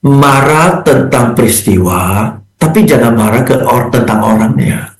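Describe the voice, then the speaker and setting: A man's voice: medium pitch, a little slow, roomy sound, rough recording. A man speaking as a guest on a radio business talk show, emphatic and rhetorical, often mixing English phrases into his talk.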